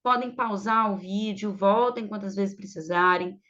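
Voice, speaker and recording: A woman's voice: mid-range voice, measured pace, a bit bright, muffled recording. A woman teaching English online, patiently explaining and drilling phrases for students to repeat. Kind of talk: online language lesson.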